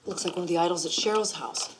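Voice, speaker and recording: A woman's voice: lowish voice, fast talker, slight background noise, close to an everyday voice. An actress playing a blunt, sarcastic woman investigator in a television drama. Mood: brisk.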